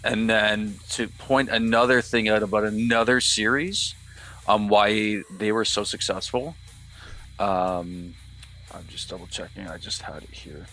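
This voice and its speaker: Bright, low-voiced male co-host. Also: fairly even intonation, rough recording. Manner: quick and joking, reading out game stats. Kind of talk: casual live-stream chat.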